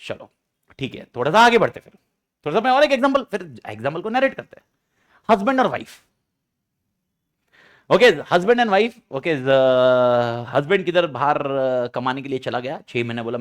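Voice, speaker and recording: Leading a classroom lecture, this young Indian-accented man speaks in a high voice with lively, animated energy. He repeatedly acts out playful pretend conversations between students and their parents to drive his points home.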